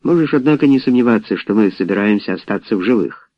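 A man's voice: on the low side, animated, quick pace, no echo. A man reading a jumpy, argumentative male colonist in an audiobook. His voice climbs when he pushes back. The sound is dry and a bit muffled. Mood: stern. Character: hot-headed worried male colonist. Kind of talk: audiobook character voice. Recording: dull lo-fi audiobook recording.

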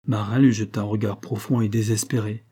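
A man reading a classic novel aloud as an audiobook, narrating in a measured, even way. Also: on the low side, husky. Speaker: audiobook reader.

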